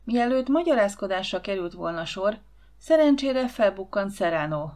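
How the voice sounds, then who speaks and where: A woman's voice: mid-range voice, lively intonation, a little mellow. A woman reading an audiobook aloud, acting out the dialogue with shifting voices. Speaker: audiobook reader. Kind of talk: audiobook narration.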